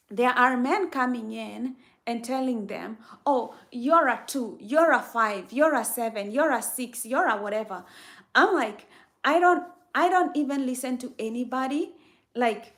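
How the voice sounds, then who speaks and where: A woman from Kenya hosts a faith-based motivational talk on a livestream. She speaks in a fairly high voice and preaches with emphasis, often repeating her key lines for effect. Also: a bit bright. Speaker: livestream host.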